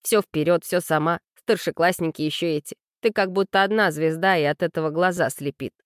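A woman reading aloud and voicing a relaxed teenage boy who teases and shrugs things off, close to her own voice. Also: lowish voice, a little fast, dry recording, close to an everyday voice. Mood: easygoing. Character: easygoing teenage boy, teasing and calm.

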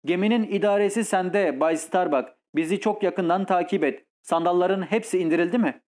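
A man's voice: high-pitched, normal speed, a little mellow, natural voice. A man voicing a stern, obsessed old sea captain in an audiobook, barking commands. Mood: commanding. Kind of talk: audiobook character reading.

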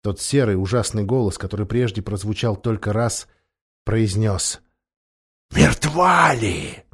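A man's voice: lowish voice, steady tone, moderate pace, dark tone. A man reading a story aloud with dramatic expression. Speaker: narrator. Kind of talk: audiobook reading.

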